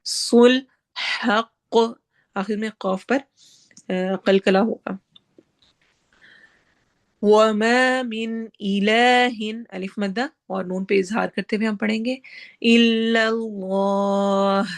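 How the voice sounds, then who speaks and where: Female recitation teacher, brisk instructive delivery, mid pitch. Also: level tone, gravelly. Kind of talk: tajweed lesson.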